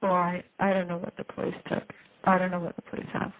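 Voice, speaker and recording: A woman speaking from prison over a phone call, in a halting, careful way. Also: lowish voice, monotone. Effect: heard over a prison phone call. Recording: tinny prison phone line.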